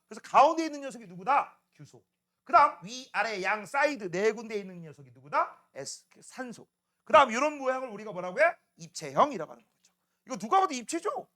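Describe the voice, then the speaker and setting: Animated high-voiced male science teacher. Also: a little fast. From South Korea. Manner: casual, talks straight to students with constant check-ins; acts out scenes in playful voices, shouts at times. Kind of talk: classroom lecture.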